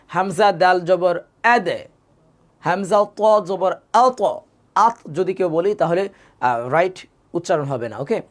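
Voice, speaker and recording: Bangladeshi man teaching Quran recitation. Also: sits high. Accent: Bangladeshi Bengali. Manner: drills letter sounds slowly, reads out student comments. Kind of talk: live online Quran recitation class.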